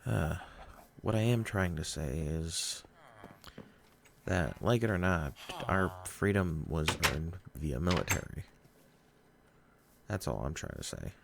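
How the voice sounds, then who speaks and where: A man with a very deep, gravelly voice rambles through a casual gaming chat, pausing and stumbling over his words. His pitch swings up and down in a lively way. A clear hiss of noise sits under a home recording. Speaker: gaming vlogger. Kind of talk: rambling chat while playing a game.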